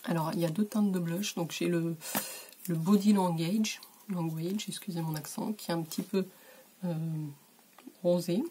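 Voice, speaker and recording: A woman in her bedroom giving a relaxed, chatty makeup tutorial, with many hesitations, sometimes dropping to a whisper while she applies product. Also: fairly low pitch, moderate pace, pauses often, slight background noise. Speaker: beauty vlogger. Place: warm bedroom.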